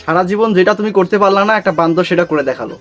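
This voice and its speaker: Over soft background music, a man with a Bangladeshi accent hosts a meme review channel, racing through scripted comic commentary in a high, fairly bright voice. His tone is mocking and teasing throughout.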